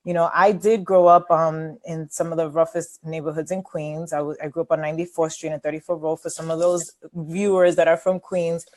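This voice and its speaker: A woman's voice: deep voice, level tone, fairly quick, few pauses, darkish tone. A woman, hosting a webinar as a coach in a candid, chatty way with many fillers. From New York City. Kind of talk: casual webinar talk.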